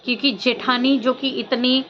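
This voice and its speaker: A female vlogger with a high voice, fairly even intonation and a normal speed chats to camera with casual gossip commentary. She fills her talk with rhetorical questions and fillers, and the lo-fi recording sounds dull, with faint background noise.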